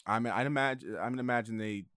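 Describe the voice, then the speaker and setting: A young man co-hosting a casual podcast chat, lively, often restarting mid-sentence and laughing easily. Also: mid-range voice, quick pace, dry recording, studio quality. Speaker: podcast co-host.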